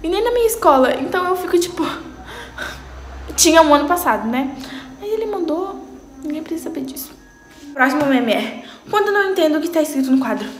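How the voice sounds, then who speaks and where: High-voiced teen girl, playful. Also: animated, fairly quick, long pauses, slight background noise. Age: teens. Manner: playful, dramatic, jumps into high squeals. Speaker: vlogger reacting to memes. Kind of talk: casual reaction chat. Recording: roomy echo.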